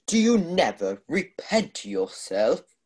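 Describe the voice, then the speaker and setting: A woman voicing a gentle, jolly old Santa Claus in a slow, deep put-on voice for a storybook reading. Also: sing-song, breathy edge, exaggerated voice.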